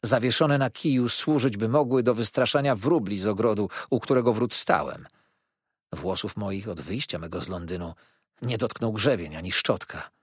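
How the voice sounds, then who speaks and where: A man's voice: fairly low pitch, normal speed, husky, no echo, clean studio sound. A man reading a novel aloud as an audiobook narrator, telling the story expressively. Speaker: audiobook reader. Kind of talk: scripted narration.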